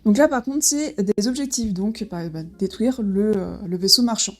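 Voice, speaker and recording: A woman's voice: mid-range voice, normal speed, darkish tone, soft background music. Hesitant woman unboxing a game. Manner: hesitant, many fillers and restarts. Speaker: board game reviewer. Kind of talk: casual unboxing commentary.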